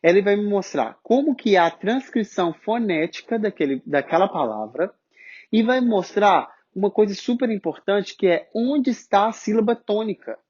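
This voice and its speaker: A man's voice: high voice, lively intonation, a little mellow. Brazilian male teacher, patient step-by-step explainer, slightly dull recording. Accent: Brazilian Portuguese. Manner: explains step by step, repeats sounds slowly to demonstrate. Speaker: English pronunciation teacher. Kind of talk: online phonetics lesson.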